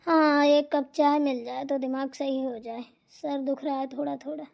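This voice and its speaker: A woman's voice: high-pitched, level tone, moderate pace, gravelly, darkish tone. A woman voicing a sleepy, complaining young sister-in-law in a cartoon comedy, whiny and sulky. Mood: whining.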